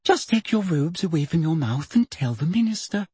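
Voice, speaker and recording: A man's voice: fairly high pitch, very animated, moderate pace, darkish tone, breathy edge, no room sound, pitched above the performer's own voice, exaggerated voice. A man voicing a falsely sweet middle-aged female official in an audiobook, silky and condescending. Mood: impatient.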